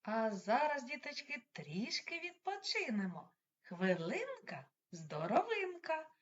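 Woman preschool teacher, slow and very sing-song, slightly raised pitch; careful articulation for small kids, dull lo-fi sound. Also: wildly swooping pitch. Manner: slow, exaggerated articulation, coaxing and praising. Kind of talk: speech lesson for small children. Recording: dull lo-fi recording.

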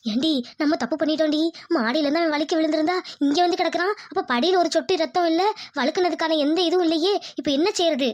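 Woman voicing a very high fretful cartoon mother. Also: fast talker, few pauses, close to an everyday voice. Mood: fretful, plotting. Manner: hushed, fretful plotting. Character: anxious scheming middle-aged mother. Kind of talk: cartoon voice acting.

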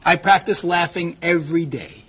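A man's voice: fairly high pitch, normal speed, a bit bright, breathy edge. An actor playing Doctor Cheer, a cheerful man who is always laughing and cheering people up, in a sitcom. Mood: cheery. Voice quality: upbeat, playful. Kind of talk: sitcom acting.

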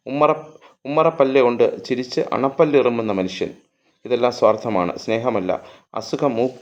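A man narrates a literary story at a measured pace, lingering over long lyrical lists and now and then restarting a word. His voice sits at an ordinary male pitch, and the recording is slightly dull and lo-fi. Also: darkish tone.

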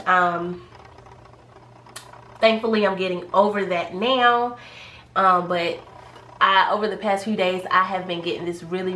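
Woman vlogger, casual and rambly, a bit stuffy-nosed, lowish voice, faint hiss behind. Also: a bit bright. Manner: chatty and rambling, many fillers. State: a little congested from a cold. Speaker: pregnancy vlogger. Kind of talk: casual vlog talk to camera. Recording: echoey room, faint background noise.

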